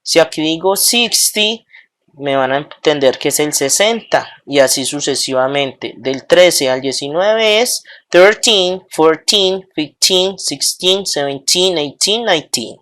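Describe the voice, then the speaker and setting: A woman's voice: deep voice, animated, slow, a bit bright. A woman, teaching a lesson and patiently drilling numbers one at a time. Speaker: English teacher. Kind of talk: slow classroom lesson counting aloud.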